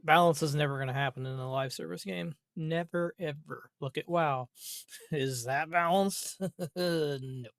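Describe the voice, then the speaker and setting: A man's voice: a little high, measured pace, vocal fry, a bit bright, no room sound, studio quality. A man delivering an unscripted, exasperated gaming rant, grumbling and swearing, with emphatic repetition and rhetorical questions. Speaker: gaming commentator. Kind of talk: unscripted rant about a video game.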